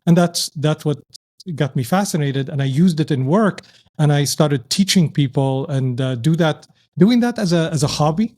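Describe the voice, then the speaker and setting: A man's voice: fairly high pitch, lively intonation, normal speed, darkish tone. A man from Syria, an entrepreneur, speaking reflectively as a podcast guest, often restarting his sentences. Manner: reflective, thoughtful, with frequent restarts. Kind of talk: casual interview.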